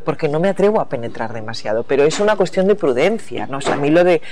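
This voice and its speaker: A woman's voice: deep voice, lively intonation, fast talker, darkish tone, slight background noise. Novelist guest, woman from the US, reflective and searching, restarts her thoughts mid-sentence. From United States. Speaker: novelist being interviewed. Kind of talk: reflective interview talk.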